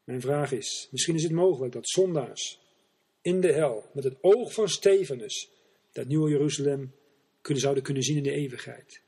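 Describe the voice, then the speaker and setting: A man preaching a sermon, telling a parable in an earnest, deliberate storytelling manner. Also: mid-range voice, dark tone, slightly rough.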